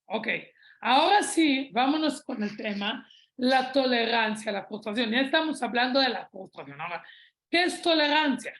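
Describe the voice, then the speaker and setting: A woman's voice: on the high side, lively intonation, moderate pace, a bit bright, reverberant. A woman in her thirties with a Mexican Spanish accent giving a parenting talk, telling stories and checking in with her listeners. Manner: conversational, checks in with "¿ok?". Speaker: parenting speaker.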